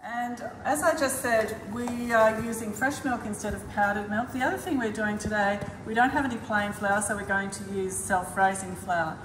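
An older Australian woman cheerfully explains each step of a cooking demonstration in a large indoor school kitchen. Her medium-pitched voice is steady and normal-paced, with hardly any pauses. A distant camera picks her up, so the audio is echoey and noisy.

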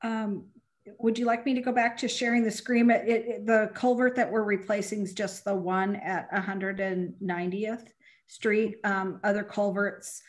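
A woman on city staff answering council questions over a video call, halting and apologetic, with many "um"s. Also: medium pitch, fairly even intonation.

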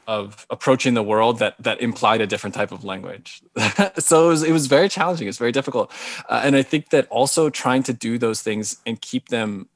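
A guest author in his thirties from Hawaii answers interview questions thoughtfully and carefully over a video call, often restarting his phrases. He speaks in a fairly low voice, recorded through earbuds in a small indoor room, yet the sound is studio-quality with no echo.

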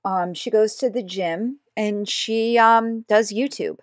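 A woman's voice: mid-range voice, takes it slowly, dry recording, clean studio sound. A woman hosting a reaction commentary video, talking casually and making sarcastic, mocking asides. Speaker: YouTube commentator.

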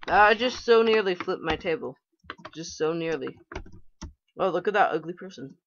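A gamer chatting to themselves through casual let's-play commentary, playfully frustrated and muttering pep talks at a mid pitch. The home mic sounds slightly dull and lo-fi, with faint keyboard and mouse clicks and light hiss behind. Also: animated, normal speed, fairly bright tone. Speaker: gameplay commentator.

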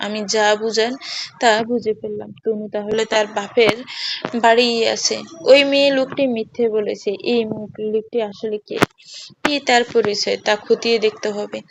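A woman narrating a first-person audio story in a steady, earnest reading. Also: a little high, moderate pace. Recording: slightly dull with faint hiss.

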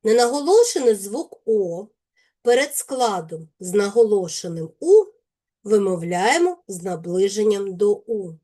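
Ukrainian-accented woman teacher, unhurried, precise over each word, warm-toned. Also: medium pitch, sing-song. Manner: slow, careful, deliberate enunciation of sounds and words. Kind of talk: scripted lesson for children.

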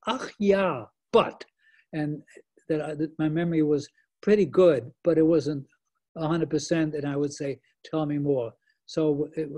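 Halting man in his eighties, mellow. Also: fairly high pitch. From Netherlands. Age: 80s. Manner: halting, many restarts and fillers. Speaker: Holocaust survivor speaker. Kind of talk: remote lecture remarks.

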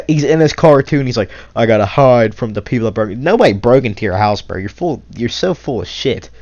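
A young man rants about another creator in an indignant, exasperated voice. He sighs often and swears freely. His voice is mid-pitched and comes through a dull, lo-fi mic with almost no room sound. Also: darkish tone, no room sound. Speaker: commentary creator. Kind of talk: angry commentary rant. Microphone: console capture mic.

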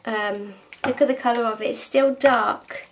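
A woman's voice: a little high, fairly even intonation, moderate pace. A woman in her thirties chatting casually as she cooks in her home kitchen. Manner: chatty, talks while working. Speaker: cooking vlogger. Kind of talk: casual cooking demonstration. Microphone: camera mic from across the room. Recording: echoey kitchen, distant mic, noisy. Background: clatter of pots and cutlery.

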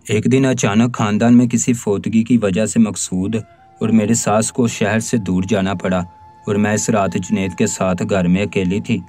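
Low, mellow male storyteller. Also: little pitch movement, moderate pace, faint music behind. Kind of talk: scripted story narration.

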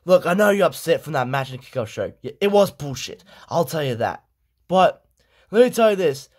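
A man's voice: on the high side, sing-song, fairly quick. Shadow, a man doing a brash hedgehog boss. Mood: commanding. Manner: brash, commanding. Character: male hedgehog general manager, brash and bossy.

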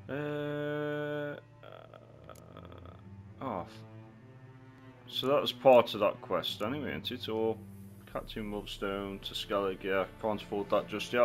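A man's voice: mid-range voice, fairly bright tone. A man giving casual, jokey, sweary commentary while playing a game. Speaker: gamer, let's player.

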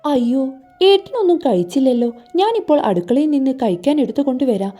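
A woman's voice: high-pitched, expressive, fast. A woman voicing a shy, timid young wife who speaks hesitantly in a storybook reading, over faint music. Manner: hesitant, soft-spoken.

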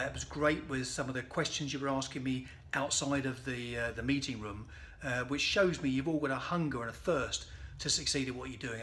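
A sales speaker in his fifties delivers an energetic, punchy motivational message to camera, using a phone or webcam in a sunny conservatory. His voice is medium in pitch.

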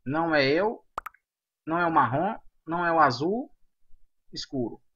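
A young Brazilian man commentating a game, swinging from groans to loud dramatic outbursts. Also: a little high, expressive, normal speed, lo-fi sound, a little hiss or hum. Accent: Brazilian Portuguese. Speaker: gamer playing a social deduction game. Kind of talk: excited gameplay commentary.

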